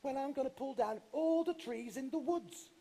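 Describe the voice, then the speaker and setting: A man's voice: very high-pitched, normal speed, creaky, warm tone, slightly rough, voice pushed up, full character voice. A man voicing a clever, sly shoemaker who talks breezily and chuckles with mock innocence. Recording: live stage with music.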